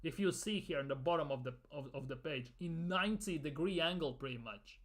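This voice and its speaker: A man's voice: fairly high pitch, animated, fairly quick. A man ranting in a football fan commentary video, exasperated and sarcastic, with some swearing.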